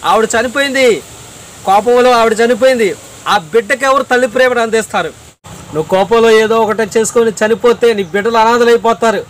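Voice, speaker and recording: Man, preacher, high-pitched, earnest, repetitive emphasis, faint background hiss. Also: fairly quick. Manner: earnest, repeats phrases for emphasis, addresses listener directly.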